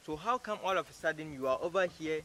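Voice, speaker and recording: A man acting as an arrogant, scornful stranger in a short drama, his voice bright and forceful and sitting a bit high. He mocks and scolds in stammering, repetitive bursts. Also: fast, close to an everyday voice. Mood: angry. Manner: scornful, mocking, repeats himself in stammering bursts. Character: rude, arrogant young man insulting a stranger. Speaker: actor in a short film.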